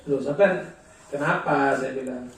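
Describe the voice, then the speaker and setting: A man's voice: medium pitch, measured pace. A man with an East Javanese accent giving an informal religious lesson, chatty and humorous, acting out quarrels as he talks. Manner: chatty, mixes in regional phrases, acts out quarrels. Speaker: religious teacher. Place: gathering hall. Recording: echoey room, distant mic.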